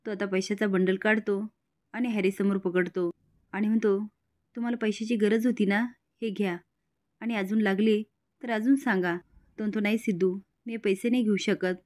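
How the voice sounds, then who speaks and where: A woman retelling a TV serial in brisk narration, speaking the characters' lines mostly in her own plain voice. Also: medium pitch, fairly even intonation, a little mellow, no room sound, studio quality. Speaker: storyteller. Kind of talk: recapping a TV serial, reading all the dialogue.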